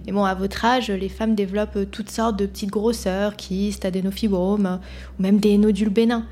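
A woman doing a calm, reassuring female doctor. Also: mid-range voice, moderate pace, close to an everyday voice. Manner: light, soothing tone.

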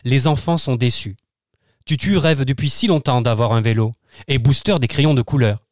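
A man reading a children's story aloud, with expressive, animated narration. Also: medium pitch, moderate pace, dry recording, studio quality.

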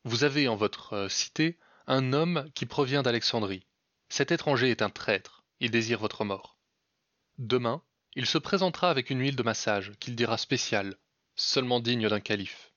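A man's voice: mid-range voice, a bit bright, no echo, natural voice. A man voicing a scheming male dyer who warns the ruler in an urgent, insistent tone. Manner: urgent, insistent, slightly raised. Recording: dull, dry lo-fi recording.

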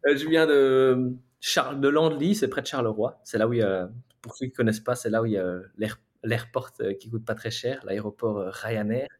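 A man's voice: medium pitch, normal speed. Young Belgian man, casual chat. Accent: Belgian French. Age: 20s. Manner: animated, restarts sentences often. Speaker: podcast guest.

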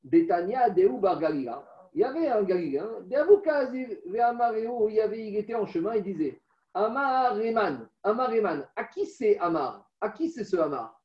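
A man's voice: high voice, sing-song, normal speed. A man teaching a text study class, chanting text passages aloud and then explaining them with little stories. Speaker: religious teacher. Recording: roomy, distant, dull recording.

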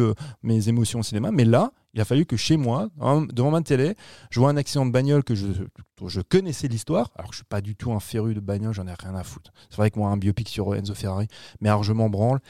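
A man reviewing a film in casual panel chat, animated and slangy, swearing freely and restarting his sentences. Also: mid-range voice, dry recording, studio quality.

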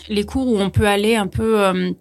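A woman in her thirties from France, an actress chatting as an interview guest, hesitant with many fillers and quick to laugh. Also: mid-range voice, steady tone, gravelly. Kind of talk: casual conversational interview.

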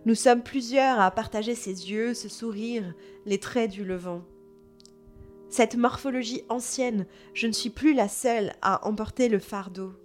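A woman's voice: a little high, a little mellow, soft background music. Introspective Parisian-accented woman narrating. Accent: Parisian French. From Lebanon. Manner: measured, introspective. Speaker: narrator telling her own story. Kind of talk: scripted first-person narration, literary.

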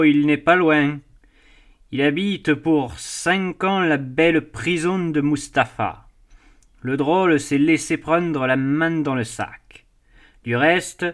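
A man voicing a jovial, mocking middle-aged sea captain who teases and laughs as he talks. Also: fairly high pitch.

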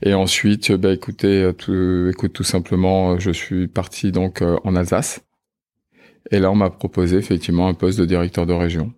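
In a relaxed interview, a French man in his fifties, manager of a funeral home, keeps pausing with hesitant filler sounds. His voice is low-pitched and a little mellow, level in tone, at a normal pace.

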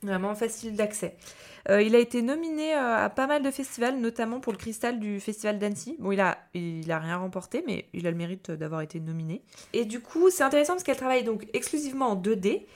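A woman's voice: on the high side, fast, darkish tone. A young woman chatting casually as a podcast co-host, laughing easily and using many fillers. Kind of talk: casual chat.

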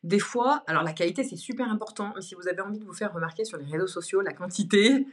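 Young woman guest on a podcast, chatty, lots of um and restarts, medium pitch, laid back. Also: quick pace, husky. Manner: chatty, many fillers and restarts, laughs easily. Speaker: guest, content creator. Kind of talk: casual podcast conversation.

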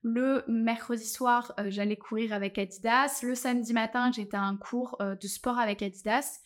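A woman's voice: a little high, fairly even intonation, moderate pace. A young woman from France, giving casual travel advice as a vlogger, chatty with lots of fillers and restarts.

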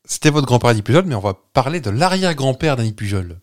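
A man's voice: medium pitch, very animated, fast. A man hosting a casual podcast chat, hesitant with fillers, teasing out clues. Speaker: podcast host running a quiz. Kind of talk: casual chat, guessing game.

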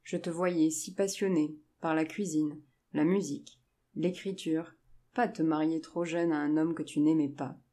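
Woman voicing a gentle old grandfather, low and mellow, storybook read. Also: steady tone, unhurried. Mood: fond. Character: frail, loving old grandfather.

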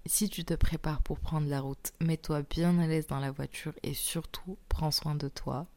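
A young woman hosting an intimate solo podcast while sick with tonsillitis, speaking softly through a very sore throat and often slipping into a breathy near-whisper. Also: deep voice, steady tone, measured pace. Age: young adult. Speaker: podcast host.

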